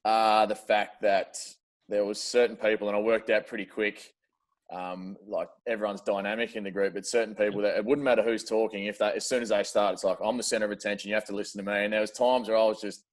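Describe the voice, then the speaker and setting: Aussie bloke in his 30s, lowish voice, chatty yarns full of uhs and the odd swear word. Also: level tone, fast talker. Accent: Australian. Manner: chatty storyteller, frequent "uh" fillers, casual swearing. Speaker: guest. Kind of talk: casual chat.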